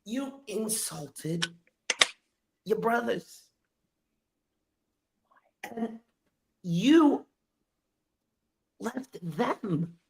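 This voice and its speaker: High-voiced man roasting with crude insults. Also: expressive, extremely slow, creaky, long pauses, a little mellow, slight background noise. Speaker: podcast host. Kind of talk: profane comedic roast.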